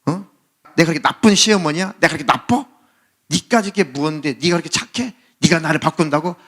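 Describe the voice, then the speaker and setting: A man's voice: a little high, a little fast, fairly bright tone. A man acting out an indignant older mother-in-law scolding her daughter-in-law during a sermon.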